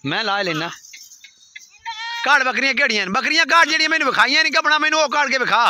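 Guy in his 30s, high bright voice, pushy haggling, phone held out in a dusty yard. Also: lively intonation, quick pace, a little hiss or hum. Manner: pushy, insistent haggling, repeats himself. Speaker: vlogger and goat buyer. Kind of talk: casual bargaining on camera. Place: outdoor dusty farmyard. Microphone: phone held at arm's length.

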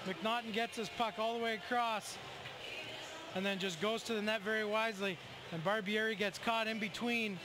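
A man's voice: sits high, fairly even intonation, normal speed, noisy background. A man giving analytical color commentary on hockey replays.

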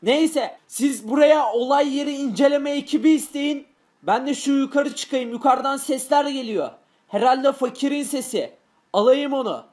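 A man's voice: extremely high pitch, normal speed, darkish tone. A man voicing a wary police chief inspector who gives orders at a crime scene in a game-video drama.

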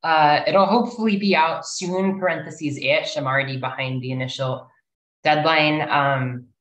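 A woman's voice: deep voice, steady tone, moderate pace, a bit bright. A woman speaker answering audience questions in an academic talk, thinking aloud with many fillers and restarts, sounding winded. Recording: roomy echo.

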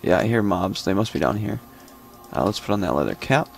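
Gravelly young man rambling over gameplay. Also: deep voice, lively intonation, fairly quick, faint music behind. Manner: rambling, thinking aloud with many fillers; joking asides. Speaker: gameplay commentator. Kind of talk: casual let's-play commentary.

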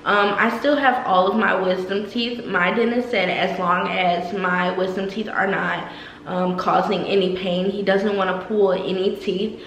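A woman's voice: medium pitch, fairly even intonation, a little slow, a bit bright, echoey room, slight background noise, poor audio. A nineteen-year-old woman vlogging a casual Q&A while speaking with braces, chatty, with frequent ums. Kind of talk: casual Q&A vlog.

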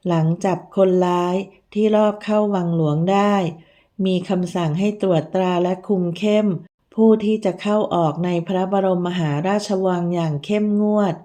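A woman narrating a historical romance novel in a calm, measured reading style. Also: lowish voice. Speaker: audiobook narrator.

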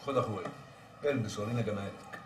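A man's voice: lowish voice, quick pace, echoey room, noisy background, natural voice. An actor playing a grumbling, teasing Egyptian man in a TV drama. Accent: Egyptian Arabic. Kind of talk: TV drama acting.

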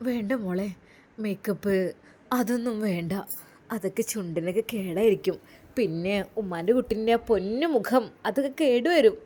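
A woman voicing a gentle young mother and bride with a Malappuram accent, speaking softly and tenderly. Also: medium pitch, moderate pace, breathy edge, pitched below the performer's own voice, lightly acted. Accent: Malappuram Malayalam. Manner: soft, hushed, tender.

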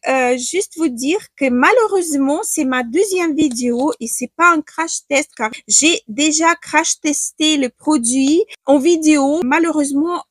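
A Ukrainian woman in her forties, a non-native speaker with a Ukrainian accent, chats casually through a makeup tutorial in a small room at home, often pausing on hesitant fillers. Her voice is high-pitched, and the recording has no echo.

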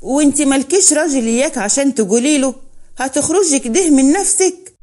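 A woman's voice: fairly high pitch, lively intonation, fast, a little mellow. A woman voicing a jealous, commanding young husband who speaks curtly. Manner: curt, jealous.

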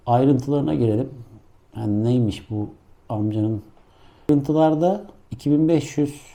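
A man reviews a gadget in an indoor room, talking casually and hands-on as he explains each step, improvising as he goes. His medium-pitched voice is very dark, muffled and mellow.

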